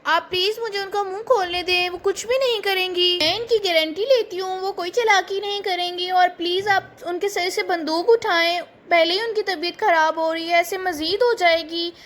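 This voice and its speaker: A woman's voice: extremely high pitch, normal speed, few pauses, a bit bright, a little hiss or hum. Woman voicing a polite, pleading flight attendant.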